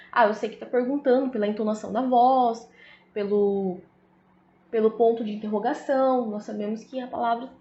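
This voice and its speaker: A woman's voice: a little high, a little hiss or hum. Brazilian woman teaching in an echoey room. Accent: Brazilian Portuguese. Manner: explains slowly, often adds "né?" and "tá?". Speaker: English teacher. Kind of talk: casual video lesson. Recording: echoey room, slightly dull audio.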